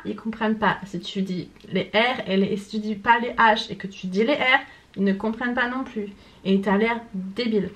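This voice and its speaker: A young French woman with a French accent, chatting casually to camera in a vlog, slangy and quick to laugh. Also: mid-range voice, fairly bright tone. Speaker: vlogger.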